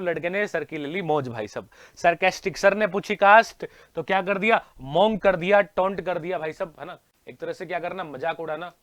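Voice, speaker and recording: High-pitched indian guy teaching vocab online, keeps asking the class, super dry close mic. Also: no room sound. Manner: energetic, repeats questions to students, Hindi mixed with English words. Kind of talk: online exam-prep class.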